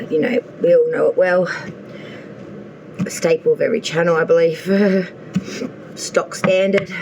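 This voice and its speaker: A woman with a deep voice, recorded with some background noise, does a casual tarot reading. She chats and thinks aloud as she draws the cards, dropping an offhand swear now and then.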